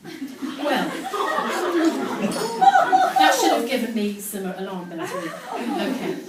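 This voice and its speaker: On stage at a live storytelling event, a woman gives a comic reading from her own teenage diary, acting out the drama with amused asides. Her voice is a little high with wildly swooping pitch and a slow pace, over a loud crowd. The distant mic captures a very echoey, noisy venue.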